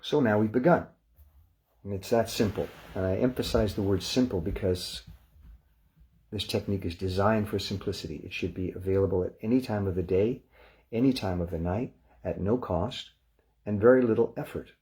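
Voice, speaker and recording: A man leading a guided relaxation session, speaking in a calm, unhurried, gently instructive way. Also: low-pitched.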